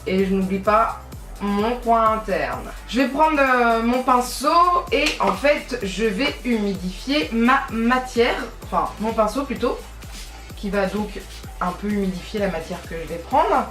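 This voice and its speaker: Her voice is on the high side and fairly bright, with lively intonation and an unhurried pace. A French beauty vlogger, she rambles casually through a makeup tutorial, correcting herself often and leaning on fillers. The distant mic catches an echoey room, faint music, and a slightly off-mic voice.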